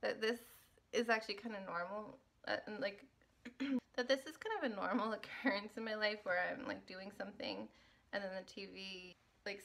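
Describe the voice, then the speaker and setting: A woman's voice: medium pitch, a bit bright. A young woman vlogger talking casually to camera, rambling and self-mocking, often laughing at herself.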